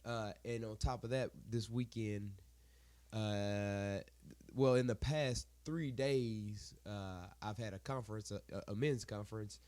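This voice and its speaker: A man's voice: lowish voice, a little slow, a little mellow, dry recording. A man, congested and worn from singing, chatting casually as a podcast co-host. He rambles, corrects himself and laughs often. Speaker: podcast co-host, worship leader. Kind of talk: casual chat.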